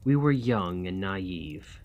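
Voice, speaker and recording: In an ASMR roleplay, a man voices a weary, courtly vampire centuries old and once a soldier, using formal, old-fashioned, measured diction. His low voice is animated and heavily acted, with a haunted, sorrowful mood, though the recording is muffled.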